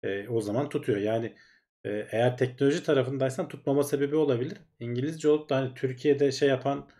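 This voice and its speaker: A man co-hosting a casual podcast in a relaxed, conversational way with many fillers. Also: mid-range voice, quick pace. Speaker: co-host.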